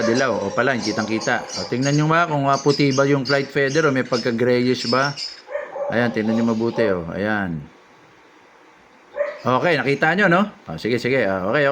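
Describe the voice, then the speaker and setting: A man's voice: mid-range voice, background noise. A man, a lovebird breeder on a casual livestream, reading out viewers' names and comments and reacting to them. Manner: reads out commenters' names and messages, then reacts.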